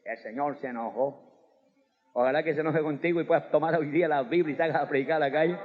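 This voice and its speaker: A man preaching a fervent sermon, swinging from hushed pleading to shouted exclamations. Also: fairly high pitch, big-room sound, lo-fi sound. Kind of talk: Pentecostal-style sermon.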